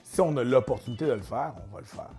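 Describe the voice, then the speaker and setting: A young Québécois comedian, medium-pitched and quick, talks in a relaxed way during an interview, soft music playing underneath. English phrases pop up now and then in his speech.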